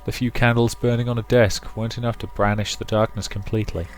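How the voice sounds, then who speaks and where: Reading a visual novel as dramatic narration for a let's play, this man speaks quickly in a fairly low voice that barely moves in pitch. Faint music plays behind his storybook-style delivery and commentary.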